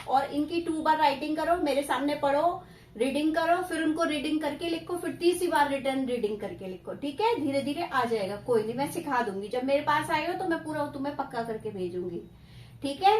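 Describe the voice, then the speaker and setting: A woman's voice: high-pitched, echoey room, recorded from a distance, slight background noise. A woman tuition teacher dictating spelling to children, stern yet coaxing, stretching out syllables as she dictates.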